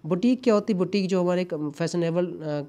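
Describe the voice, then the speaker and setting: This exam-prep English lesson comes from a man whose voice is high-pitched and mellow, moving at a fairly quick clip. He works through the material step by step, repeating key words and tossing in plenty of tag questions.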